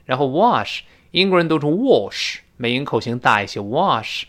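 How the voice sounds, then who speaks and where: Man teaching English with lively pitch. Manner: animated, drawn-out demonstrations of pronunciation; chatty, classroom storytelling tone. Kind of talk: spoken-English lesson lecture.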